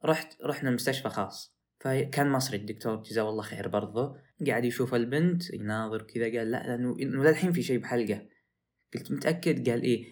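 A young man, hosting a podcast and telling a story in a casual, animated way that rises into excited outbursts. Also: mid-range voice, very fast. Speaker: podcast host.

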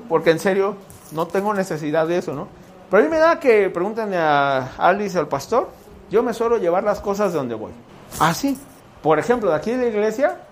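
A man's voice: sits high, slight background noise. Mexican man preaching casually. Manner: conversational, asks the listeners questions. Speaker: church speaker. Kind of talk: casual sermon.

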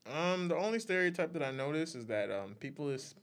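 A man's voice: a little high, animated, a little fast, a bit bright. A man from Guyana, a guest telling stories in a casual, laid-back conversation.

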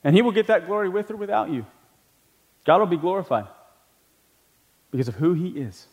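A man preaching a sermon as pastor, talking conversationally with questions to the listeners, then climbing to emphatic peaks and dropping low. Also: very animated, fairly quick, darkish tone. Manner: laughs between points, asks the congregation questions.

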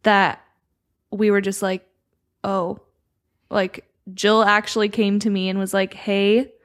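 A woman's voice: medium pitch, little pitch movement, measured pace. A woman co-hosting a podcast, talking in a reflective, earnest way and breaking into light laughs. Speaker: podcast co-host. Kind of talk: casual podcast chat.

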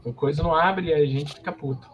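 A man's voice: fairly high pitch, quick pace, slight background noise. A man co-hosting a casual film podcast, muttering repetitively as he looks things up. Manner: muttering while scrolling, repetitive. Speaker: podcast co-host.

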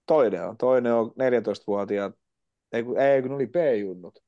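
A man's voice: mid-range voice, no echo. A man with a Finnish accent, a podcast co-host who referees youth football, rambling casually with restarts. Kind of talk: casual chat. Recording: dull, lo-fi sound.

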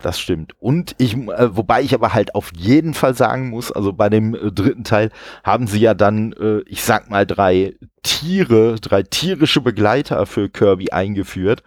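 A man's voice: lowish voice, moderate pace, dry recording, studio quality. A man in his forties hosting a casual podcast about retro games, chatty, with lots of fillers. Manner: chatty, many fillers, laughs often. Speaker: podcast host.

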